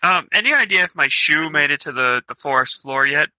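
Very bright, sharp-voiced man, casually gaming. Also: on the high side, expressive, a little fast, dry recording, poor audio. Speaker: tabletop game player. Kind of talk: casual improvised play.

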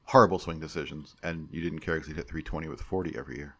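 A man's voice: extremely low pitch, steady tone, very fast, fairly bright tone. A man in his forties co-hosting a casual podcast, reading listener emails and arguing his opinions in a loose, playful way. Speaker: podcast co-host.

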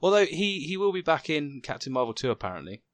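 A man's voice: on the high side, very animated, quick pace, no echo. A British man chatting casually as a podcast co-host, hesitant, with many ums and restarts. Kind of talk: casual chat about comics.

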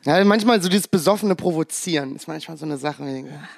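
A man co-hosting a podcast, tossing in quick teasing remarks. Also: fairly high pitch, gravelly, no room sound, studio quality. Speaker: podcast co-host. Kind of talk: casual podcast banter.

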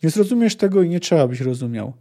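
A man reading the lines of a secretive, persuasive sorceress from a fantasy novel in an even, measured way. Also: fairly high pitch. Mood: firm. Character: cold, secretive sorceress woman, firm and persuasive.

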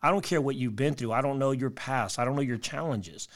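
A man's voice: mid-range voice, a little fast. A man hosting a motivational podcast, speaking directly to the listener in an upbeat, encouraging way and laying out tidy advice.

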